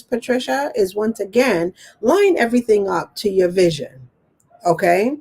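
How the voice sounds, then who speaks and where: Chatty, husky-voiced woman coach. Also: mid-range voice, darkish tone. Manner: chatty, many "okay" and "you know" fillers, answers viewer questions. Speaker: business coach hosting a live show. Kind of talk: live stream coaching chat.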